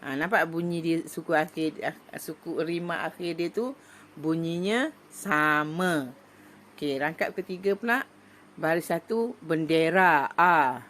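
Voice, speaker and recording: A middle-aged woman with a Malaysian Malay accent, a primary school teacher patiently explaining an online lesson step by step, reciting poems slowly and loudly. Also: low-pitched, a little hiss or hum. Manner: patient, explaining step by step with many "okey" fillers; slow, loud, emphatic when reciting poems. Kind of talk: online lesson for young pupils.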